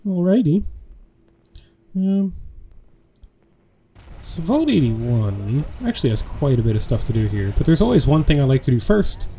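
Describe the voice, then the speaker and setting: A man's voice: a little high, big pitch swings, measured pace, long pauses, dark tone, slightly rough. A man hosting a let's play, giving laid-back, joking commentary while playing a game. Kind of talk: casual gameplay commentary.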